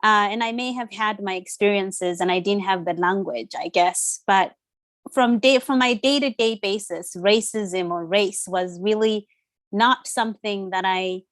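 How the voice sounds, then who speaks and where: A woman's voice: mid-range voice, unhurried, no echo. A woman, a Ndebele speaker, talking as an interview guest in a reflective, hesitant way. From Zimbabwe. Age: 30s. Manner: reflective, hesitant with many fillers. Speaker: guest, social worker. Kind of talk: conversational interview.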